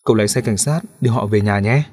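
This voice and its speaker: A calm, kind police captain with a low, slightly husky voice, read by a male narrator. He speaks gently and in measured phrases. It sounds like a character in a storybook audiobook. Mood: gentle.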